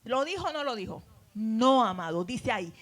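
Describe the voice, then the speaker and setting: A woman's voice: on the high side, very animated, normal speed. A middle-aged woman teaching a Bible class in a preacherly way, addressing listeners as beloved and asking them rhetorical questions.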